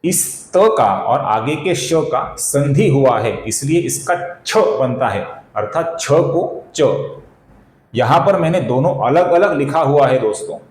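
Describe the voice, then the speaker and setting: A man gives a patient pronunciation lesson, drawing out each syllable at a very unhurried pace. He repeats sounds to show precise enunciation and calls his viewers friends. His voice carries noticeable echo from the room around him. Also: mid-range voice, lively intonation. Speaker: Sanskrit pronunciation teacher. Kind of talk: explanatory lesson with slow chanting.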